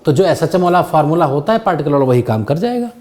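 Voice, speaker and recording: Male physics teacher, warm and mellow, lecturing a classroom with frequent questions to students. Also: fairly high pitch, lively intonation, fast. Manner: patient, keeps quizzing students.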